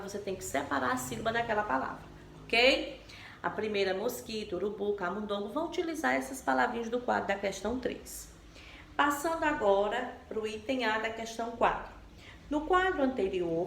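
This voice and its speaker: Woman teacher from Brazil, slow and patient with young pupils, gravelly tone, echoey room. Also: medium pitch, fairly bright tone, a little hiss or hum. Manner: slow, patient, coaxing questions to children. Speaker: primary school teacher. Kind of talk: remote class lesson explanation.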